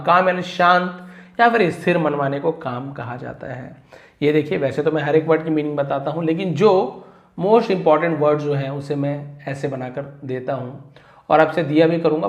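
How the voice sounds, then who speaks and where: A man teaching English vocabulary in a YouTube lesson, stressing each English word loudly before explaining it, sounding tired from long work hours. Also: fairly high pitch, echoey room.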